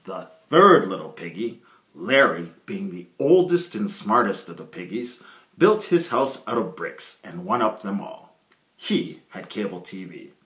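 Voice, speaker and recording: A middle-aged man with a fairly low, bright voice reads a children's story aloud as a storyteller, very animated but at a measured pace. He was recorded indoors on a phone held at arm's length, and the small bare room gives an echoey sound.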